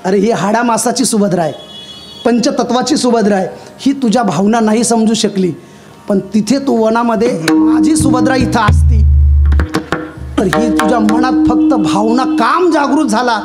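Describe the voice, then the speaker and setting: Wise, calm god voiced by a high-voiced male storyteller, gently chiding, with music behind. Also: normal speed. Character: Lord Krishna, a calm, wise divine charioteer. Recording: live with instrumental music behind.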